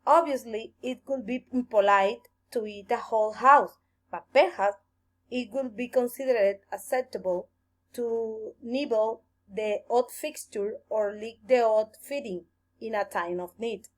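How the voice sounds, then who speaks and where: A woman reading a fairy tale aloud for children, slow, gentle and expressive. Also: on the high side. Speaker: storyteller.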